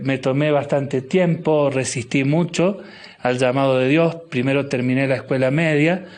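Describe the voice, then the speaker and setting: Middle-aged Argentine man, bishop guest, unhurried and reflective, mid-pitched voice. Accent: Argentine Spanish. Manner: slow, thoughtful, with frequent restarts and fillers. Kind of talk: interview guest.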